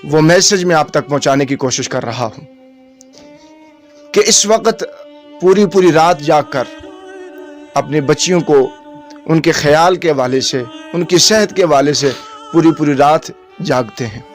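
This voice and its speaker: Male reporter, solemn and formal appeal, a touch high-pitched, soft music behind. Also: a little slow, pauses often. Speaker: reporter host. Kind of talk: field report narration.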